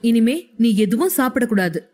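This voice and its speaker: A woman's voice: a little high, animated, normal speed, a little mellow. A woman voicing a stern, bossy young man who scolds and gives clipped orders in an audio story. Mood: scolding.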